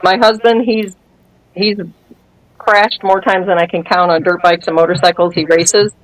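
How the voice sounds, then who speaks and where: Speaking at normal speed in a lowish voice, a woman in her 50s gives her testimony during a casual interview. She animates the story by acting out quoted conversation and laughing a good deal. The recording is rough.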